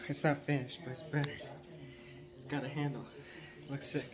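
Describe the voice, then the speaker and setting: A young man with a mid-range voice talks at normal speed while filming a missionary vlog on a phone held at arm's length. He chats casually, excitable and joking, often poking fun at himself.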